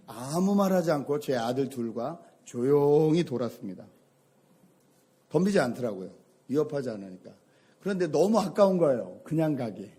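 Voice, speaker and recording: A middle-aged pastor gives a Sunday sermon, weaving in vivid personal stories. His voice sits a little high for a man, but it is mellow and slightly husky. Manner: storytelling, animated anecdotes.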